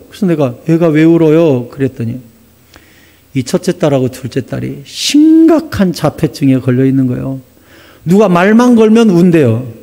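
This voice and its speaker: A male pastor preaching a sermon, telling a story in a lively way and acting out the dialogue. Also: on the high side. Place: church sanctuary. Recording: long reverb of a church hall.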